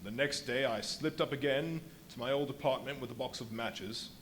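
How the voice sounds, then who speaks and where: A man playing a feverish, boastful scientist turned invisible in a live radio play, telling his story in dramatic, literary phrases with emphatic pauses. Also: mid-range voice, fairly bright tone, close to an everyday voice. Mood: anguished, intense. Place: live performance at a brewery venue. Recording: live stage performance with audible background noise.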